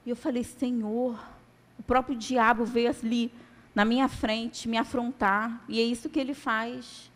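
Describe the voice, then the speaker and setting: A woman's voice: on the high side, flat delivery, unhurried. A woman giving a church testimony as a sermon, telling her story dramatically and acting out the dialogue.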